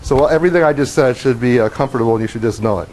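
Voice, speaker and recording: A middle-aged man giving a university lecture in a lecture hall, animated as he acts out motion and tosses wry questions to the class. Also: mid-range voice, racing, slight background noise. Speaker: professor.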